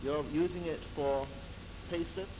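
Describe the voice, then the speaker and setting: A man's voice: on the high side, steady tone. British man interviewing on an old newsreel. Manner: polite, measured questioning. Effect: old newsreel sound. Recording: hissy 1950s newsreel soundtrack.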